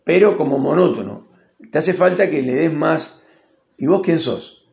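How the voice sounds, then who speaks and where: A man's voice: a little high, lively intonation, unhurried, vocal fry, darkish tone. A man with a Rioplatense accent voicing a pushy male stranger at the gym who gives unasked advice. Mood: meddling. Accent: Rioplatense Spanish. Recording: echoey room.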